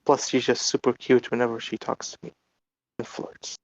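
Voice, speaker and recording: A man's voice: mid-range voice, flat delivery, normal speed, muffled recording. A man talking through a voice changer, giving curt, unbothered answers as the interviewee. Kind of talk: casual online interview.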